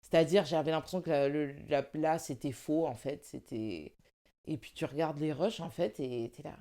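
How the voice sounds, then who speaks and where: A woman with a slightly low voice chats in a casual discussion. She is informal and emphatic, working out her thoughts as she goes. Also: moderate pace, mellow. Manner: informal, emphatic, thinking aloud. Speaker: film director and screenwriter.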